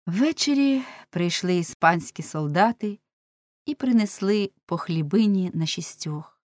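A woman reads a storybook aloud in a measured, solemn voice. Her tone is fairly low, and the recording is dry and close, with no room sound. The narration moves steadily. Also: lively intonation, darkish tone, dry recording. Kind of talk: audiobook narration.

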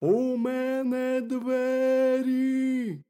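A man's voice: high-pitched, expressive, darkish tone, slightly rough, voice pushed up, exaggerated voice. Man doing a muffled timid little hare. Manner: slow, muffled from far off. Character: timid male hare in a burrow.

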